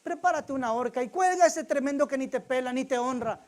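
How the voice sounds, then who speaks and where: A man's voice: very high voice, quick pace, a little mellow. A preacher voicing a scheming wife who sweetly coaxes her husband toward revenge. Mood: coaxing.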